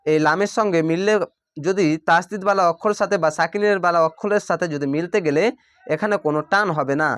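A high-pitched man gives a patient recitation lesson in a Bangladeshi Bengali accent, stretching out sounds slowly and repeating the rules. The recording is dry and close, with no room sound. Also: a bit bright, dry recording. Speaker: Quran reading teacher.

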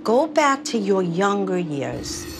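A woman's voice: mid-range voice, sing-song, takes it slowly, creaky, heavy background noise. A middle-aged woman, a psychic medium, declaring her visions like a fortune teller as she walks through a space. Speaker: psychic medium, host of a haunting show. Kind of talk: spiritual reading while walking through a space. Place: old New York apartment building, city street at start. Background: background music.

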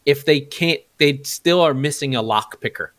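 A man's voice: medium pitch, normal speed, a bit bright, dry recording, studio quality. A middle-aged man giving casual, analytical match commentary, repeating phrases for emphasis. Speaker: football pundit and co-host. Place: indoors at home, video call.

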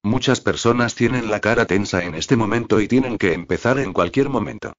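In a low voice, a man reads an audiobook at a brisk, even clip, adding little feeling to the text. The sound is dull and lo-fi, as if someone rolled off the highs.

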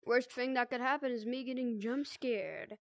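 A woman's voice: fairly high pitch, normal speed, over loud music. A woman doing casual let's-play commentary as a scared horror game streamer, jumpy, exclaiming and playfully indignant. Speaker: gaming video creator playing a horror game.

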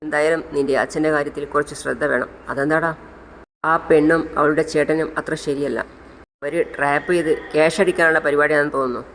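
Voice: medium pitch, fairly even intonation, quick pace, fairly bright tone, a little hiss or hum, close to an everyday voice, rough recording. The narrator voicing a loyal young male friend who confides a cautious warning. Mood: confiding warning.

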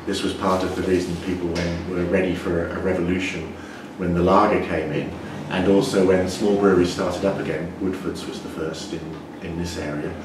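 A man in his forties, a brewer, explaining things in a measured way with frequent restarts during an interview in a brewery. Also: deep voice, level tone. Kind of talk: interview answers. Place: indoor brewery floor. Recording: echoey, distant, noisy brewery room.

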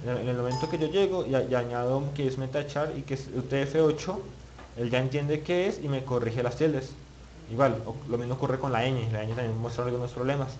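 A man's voice: mid-range voice, a little fast, darkish tone, slight background noise. Guy teaching html on screen, mumbles to himself, lots of restarts, kinda muffled. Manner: thinks aloud, mutters while clicking, many restarts. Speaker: web development instructor. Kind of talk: screen-recorded coding tutorial.

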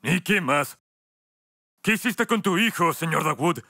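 A stern middle-aged father, accusing in a gravelly, bright, slightly high voice. The recording is dry and close. He speaks in a dubbed film. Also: animated, a little slow, no echo, exaggerated voice. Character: proud, aggrieved father. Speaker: voice actor in a film dub.

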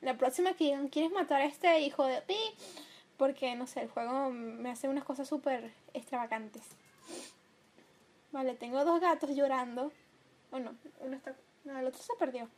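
A young woman commenting on a video game she is playing, emotional and prone to loud outbursts. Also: high voice, normal speed. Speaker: gameplay commentator. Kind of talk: let's play commentary. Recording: home mic with clear background noise.

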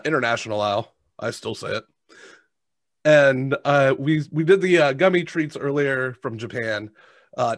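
A man's voice: fairly high pitch, no echo, clean studio sound. An American man in his thirties chatting casually and matter-of-factly as he hosts a snack review. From United States. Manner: matter-of-fact, eats crunchy snacks while reviewing. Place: indoors, at a desk on a video call. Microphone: headset.

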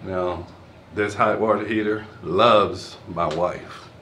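Chatty guy filming his house on his phone, rambles w/ lots of uh's, deep voice, noisy background. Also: steady tone. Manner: rambling and chatty, pauses with fillers. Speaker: vlogger giving a house tour. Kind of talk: casual walking-tour narration. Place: inside a two-story house, partly out on a balcony. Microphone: phone camera handheld while walking.

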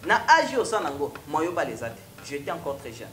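Set in a TV studio with a stone wall behind, a young man with a Congolese accent, a prophet, tells his testimony in both French and Lingala during an interview. His voice is on the high side, sing-song and fairly bright, at a moderate pace, in an echoey room.

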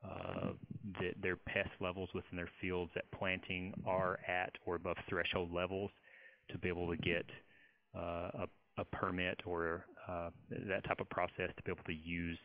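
Very deep, flat-voiced man on a dull line. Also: normal speed, vocal fry. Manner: hesitant, heavy use of uh. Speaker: webinar panelist, seed industry. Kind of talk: webinar Q&A answer. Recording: dull dry remote line.

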